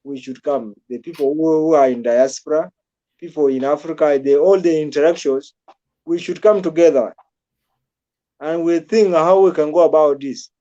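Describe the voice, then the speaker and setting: A man's voice: on the high side, normal speed, mellow, lo-fi sound. A man from South Sudan giving rambling, repetitive political commentary in a casual talk, with frequent restarts.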